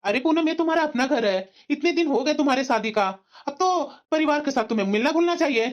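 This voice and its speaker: A man voicing a calm young husband and obedient son who speaks mildly. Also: extremely high pitch, quick pace. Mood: coaxing. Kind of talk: cartoon voice acting. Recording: dull, noisy, distant audio with clicks.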